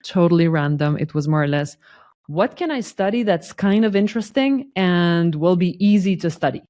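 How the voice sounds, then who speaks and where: A woman in her thirties, originally from Lithuania, talks through her career as an interview guest. Her voice is mellow and fairly low, and she explains things earnestly with lots of little asides. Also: expressive, normal speed. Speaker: sales guest. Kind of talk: conversational interview.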